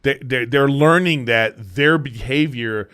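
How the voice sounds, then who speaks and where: A man's voice: mid-range voice, measured pace, fairly bright tone, clear, resonant tone. A man in casual chat, chiming in with quips and laughing often. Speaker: podcast co-host.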